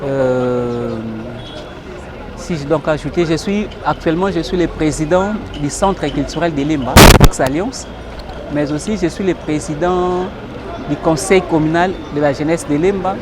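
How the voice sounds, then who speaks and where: A man's voice: a little high, measured pace, very noisy. A Congolese man being interviewed as a guest, explaining in French with some Lingala phrases and frequent hesitations. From Democratic Republic of the Congo.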